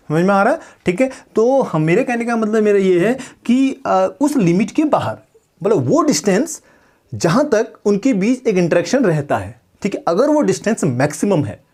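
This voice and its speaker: A man's voice: high-pitched, a little mellow. A male physics teacher giving a Hindi-English lecture, asking himself questions and answering them, checking in with the students again and again. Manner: repeats check-ins like "ठीक है" and "समझ में आया"; slows down sharply for English sentences.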